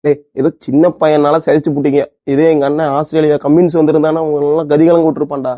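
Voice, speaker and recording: A man races through a comic back-and-forth between rival cricket fans, jeering and needling in a fairly high voice. His tone is mellow and dark, and the recording is close and dry. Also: level tone, quick pace, no echo. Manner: mocking, taunting banter. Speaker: cricket comedy creator.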